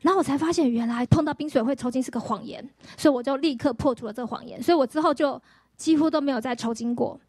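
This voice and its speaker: A woman pastor, giving a lively healing testimony sermon full of acted-out quotes and rhetorical questions. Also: high voice, fast talker, no room sound, clean studio sound.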